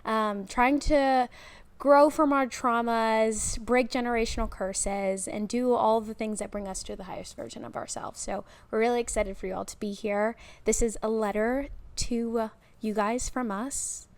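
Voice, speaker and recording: A woman's voice: a little high, fairly even intonation, normal speed. A woman in her mid-twenties co-hosting a podcast, chatting casually and laughing often. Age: 20s. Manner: giggly, chatty, searches for words. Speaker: podcast co-host. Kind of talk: casual chat.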